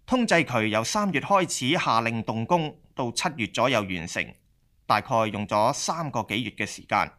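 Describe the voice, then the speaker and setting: A male narrator reads a scripted history lesson. He keeps his delivery steady and explanatory, with a voice of middling pitch. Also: normal speed.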